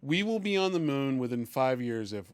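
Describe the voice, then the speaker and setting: A young man co-hosting a podcast, talking in a wry, deadpan, rambling way. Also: medium pitch, moderate pace, clean tone, no echo. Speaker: podcast co-host. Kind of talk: casual chat.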